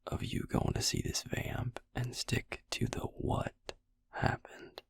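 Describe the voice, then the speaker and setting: Acting in an intimate audio roleplay aimed at the listener, a man plays a protective, exasperated male vampire tending a wounded werewolf. He speaks slowly and wryly in a low, breathy near-whisper, using his natural voice. The mood is wry and probing.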